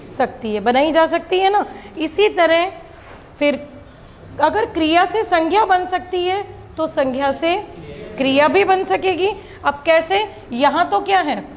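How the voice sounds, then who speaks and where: A woman's voice: high-pitched, long reverb tail, a little hiss or hum. A woman teaching a grammar lesson, asking questions and answering them herself.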